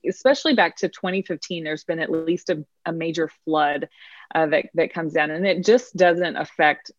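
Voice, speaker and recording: A woman's voice: low-pitched, moderate pace, no echo. Texas-accented woman, muffled dry call. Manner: warm, proud, repeats words when starting sentences. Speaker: baseball field reporter. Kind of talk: podcast interview, casual storytelling.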